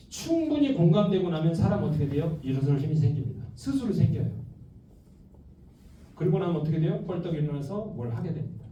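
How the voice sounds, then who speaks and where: Male lecturer with a high but very dark, mellow voice, addressing an audience with constant questions; recorded from afar in an echoey hall. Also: distant mic, slight background noise. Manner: keeps asking the audience questions. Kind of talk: public lecture to a live audience.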